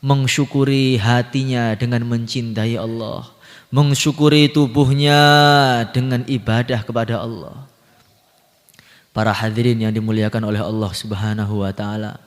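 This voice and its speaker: A male preacher telling a sermon story in a dramatic style, swelling loud and then dropping low at the ends of phrases. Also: level tone, moderate pace. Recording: long hall reverb.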